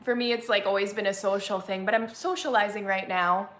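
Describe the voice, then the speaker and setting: A young woman in her twenties chats casually on a home live stream, rambling from one thought to the next with plenty of "like" fillers. Her voice is bright and forward. The room around her sounds echoey. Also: mid-range voice, fairly even intonation, a little fast. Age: 20s. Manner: chatty, rambling, filler-heavy with frequent "like". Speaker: vlogger hosting a live chat.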